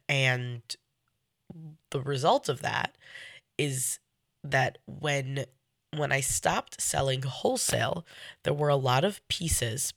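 A woman records a solo podcast with a stuffy, nasal voice from a cold. Her delivery is casual and hesitant, often doubling back on itself. There is gravelly fry in her voice, and the sound is dry. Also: extremely low pitch, a bit bright, dry recording. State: getting over a cold. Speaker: podcast host.

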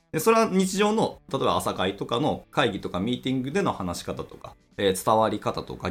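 A man in his thirties, a programming instructor hosting a casual solo podcast, thinking aloud with lots of fillers. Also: medium pitch. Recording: faint background music.

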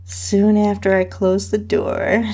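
In a level, mid-range voice, a woman who hosts a podcast reads her own erotic story in the first person. She speaks slowly and breathily, stretching out her words sensually and letting soft moans slip in.

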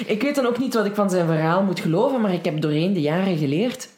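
A woman's voice: lowish voice, quick pace. Flemish woman reading mail in a roomy echo. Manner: lively reading, laughing between sentences. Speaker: podcast co-host. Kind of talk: reading a listener's email aloud.

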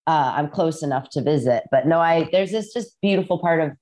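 A musician guest from the Midwest speaks briskly in a low, slightly mellow voice over a video call. She's in a farmhouse in rural Iowa, telling casual, rambling stories thick with fillers and "like"s.

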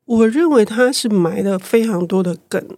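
Older lady publisher chatting in an interview, reflective, gets lively at times, dry sound. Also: mid-range voice, moderate pace, no room sound.

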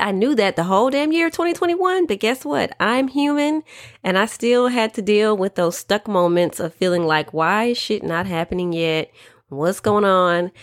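A woman hosting a solo podcast, talking casually and reflectively in an informal, chatty way. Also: fairly low pitch. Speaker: podcast host, life coach.

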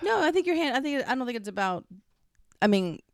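A woman's voice: sits high, very animated, quick pace, creaky, no echo, clean studio sound. A woman in casual conversation, explaining ideas thoughtfully and sometimes searching for the right words. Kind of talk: casual podcast chat.

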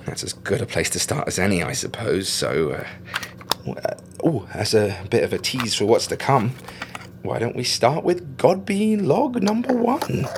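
An actor playing a chatty caretaker who talks to himself, with muttered and whispered asides. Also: male voice, medium pitch, big pitch swings, moderate pace, noisy background, lightly acted. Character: chatty male caretaker archiving logs.

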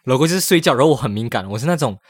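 A man telling a story in casual podcast chat. He is animated, often laughs, and drops English words into his talk. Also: medium pitch, rapid-fire, breathy edge, no room sound, studio quality. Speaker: podcast co-host.

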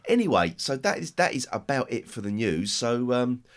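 A British man with a croaky voice from a chest cold, hosting a podcast in a halting, rambling, chatty way. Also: mid-range voice, sing-song. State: chest infection, hoarse with a cold. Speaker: podcast host. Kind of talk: casual podcast chat.

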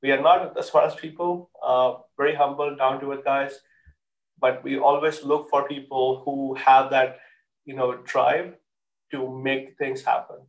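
A man speaking as a startup founder in a podcast interview, answering haltingly with many hesitations, self-corrections and corporate jargon. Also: medium pitch, level tone. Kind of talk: interview answer, business pitch talk. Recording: roomy, echoey sound.

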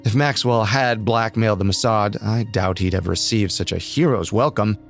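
A man co-hosting a podcast, reading scripted true-crime narration with measured storytelling delivery. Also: lowish voice, soft background music. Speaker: podcast co-host.

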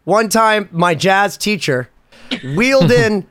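A man's voice: high-pitched, slow. A man co-hosting a podcast, telling stories and joking in casual banter. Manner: animated storyteller, joking. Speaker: podcast co-host.

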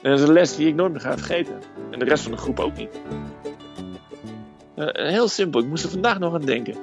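A man telling a personal story in a casual, hesitant way, filling pauses with "eh". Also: on the high side, lively intonation, creaky, muffled recording, music in the background. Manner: hesitant storytelling, frequent "eh" fillers.

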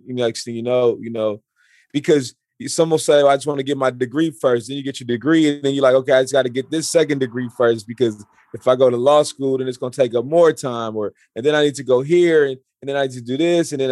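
Halting man in his forties, dry sound. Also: medium pitch, darkish tone, no room sound. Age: 40s. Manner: halting, repeats words and restarts often. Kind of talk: casual chat.

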